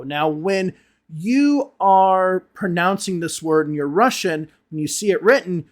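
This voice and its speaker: A man from Chicago with an American accent, teaching an online English lesson with emphatic repetition and frequent "okay?" and "right?" checks. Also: high voice. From United States (Chicago). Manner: emphatic, repeats words for stress, asks "okay?" and "right?".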